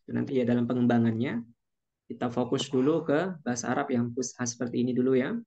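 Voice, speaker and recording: A man's voice: mid-range voice, fairly even intonation, gravelly, warm tone, highs cut off. Patient male Arabic teacher on a call. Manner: patient, stretches out Arabic phrases slowly. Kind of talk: online class teaching.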